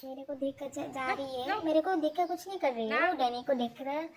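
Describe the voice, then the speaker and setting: A woman's voice: sits high, fairly quick, low-quality recording. A woman narrating a casual vlog as she cares for a hurt bird and scolds her dog. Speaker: vlogger.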